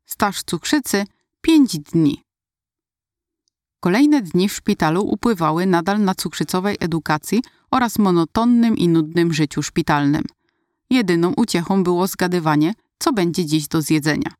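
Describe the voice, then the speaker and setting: Woman reading her memoir out loud, lowish voice, steady, dry close sound. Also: moderate pace, no echo. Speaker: narrator. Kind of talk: first-person memoir narration.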